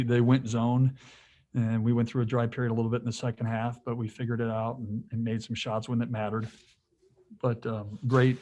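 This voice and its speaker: A man's voice: mid-range voice, a little mellow. A male head basketball coach answering questions at a postgame press conference, rambling with lots of fillers and restarts, joking now and then.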